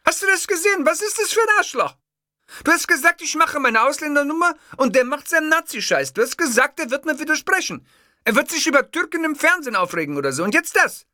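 A raging, vain male comedian who shrieks his insults in a cracking, very high voice and spits out curses. The voice jumps wildly up and down, bright and loud, recorded completely dry in an audiobook. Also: sing-song, slow, breathy edge, no room sound, full character voice. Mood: furious shouting. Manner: screaming insults, cursing. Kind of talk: audiobook reading.

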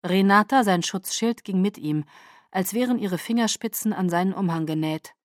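A woman narrating a novel in first person, measured and dramatic, close to the mic. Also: mid-range voice, no room sound. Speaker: audiobook narrator.

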